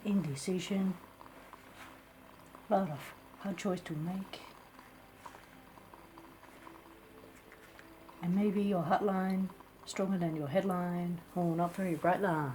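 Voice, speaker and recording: A woman playing a blunt, teasing palm reader in an ASMR role-play, with a Singaporean or Malaysian English accent, clipped grammar and deadpan, musing delivery. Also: fairly low pitch, lightly acted, low-quality recording. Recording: clear steady background noise.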